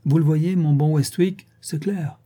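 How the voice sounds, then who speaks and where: A man voicing an effusive, teasing French theatre director in a storybook reading, pitched above his narrating voice. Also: fairly even intonation, a little slow, dark tone, slightly rough. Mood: jovial. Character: jovial, talkative middle-aged French theatre director.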